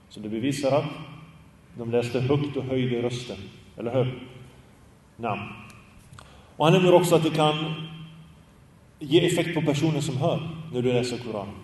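A man's voice: mid-range voice, darkish tone, distant mic. Man teaching a class in an echoey hall. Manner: asks the class questions and answers them; recites Arabic phrases in a sung tone. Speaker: Islamic teacher. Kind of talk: religious study lesson.

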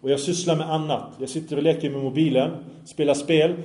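Mellow-voiced man giving a lecture. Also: on the high side, steady tone, roomy sound. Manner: earnest, asks listeners rhetorical questions. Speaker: Islamic lecturer. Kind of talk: religious lecture with audience questions.

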